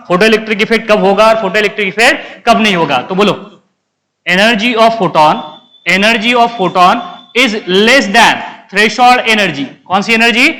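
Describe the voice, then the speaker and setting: A man's voice: sits high, sharp tone, in a large hall. A male chemistry teacher, giving a lecture and asking questions he answers himself. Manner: asks questions and answers them himself, calls students beta. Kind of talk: classroom lecture.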